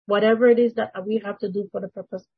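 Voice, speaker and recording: Husky woman, earnest and halting. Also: mid-range voice, steady tone, no echo. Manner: earnest, halting, searching for words. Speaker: church member. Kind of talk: earnest discussion at a church meeting. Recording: dry, dull lo-fi recording.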